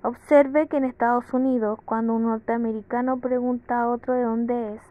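A woman reading an English grammar lesson aloud from a textbook, slowly and carefully with pauses. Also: fairly high pitch, little pitch movement. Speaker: English teacher. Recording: dull lo-fi sound.

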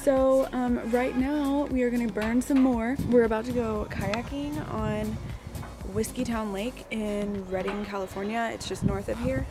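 A woman's voice: fairly high pitch, fairly even intonation, a little slow. A young adult woman vlogging to a camera held at arm's length inside a car, chatting in a rambling way with fillers and self-corrections. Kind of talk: casual vlog talk to camera. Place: inside a car, window open.

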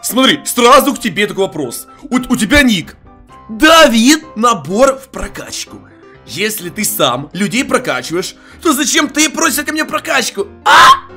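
Casting: young male game streamer, high lively teasing voice, headset mic, faint game music. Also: moderate pace. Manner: mocking, playful, loud exclamations. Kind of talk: teasing prank call while playing. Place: home streaming room.

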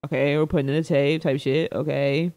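During a casual reaction stream in an indoor room with faint background music, a young man jokes around with chat in slangy, informal talk. His voice is on the high side and a little mellow, fairly quick, with a flat delivery.

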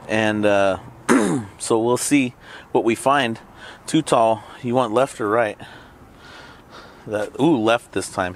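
A man's voice: medium pitch, a little hiss or hum. Rambling jokey man reviewing burritos. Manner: rambling, joking asides while eating. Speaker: burrito reviewer and channel host. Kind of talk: casual food review vlog.

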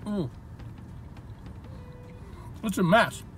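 A man's voice: sits high, expressive, drawn-out words, fairly bright tone, faint music behind. A man reviewing food in his car, talking with his mouth full between bites. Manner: chatty, chewing between remarks. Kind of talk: casual food review vlog. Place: inside a parked car.

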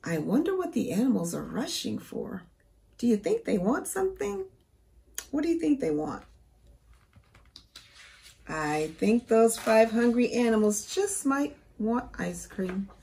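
Slow, animated woman reading to preschoolers. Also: a little high, creaky. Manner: expressive, careful, asks the listener questions. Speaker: preschool teacher reading aloud. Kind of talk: children's storybook read-aloud with teaching asides.

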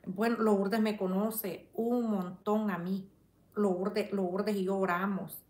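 Her voice is mid-range, steady and darkish, and she speaks slowly in a reverberant space. Live-streaming, she goes through viewer comments, defends herself with indignation, speaks straight to a rival, and weaves in religious language and prayers for her viewers.

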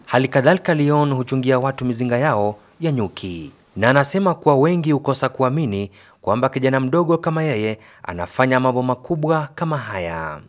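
A man's voice: mid-range voice, animated, brisk. A man with a Kenyan accent reading scripted news feature narration in Swahili.

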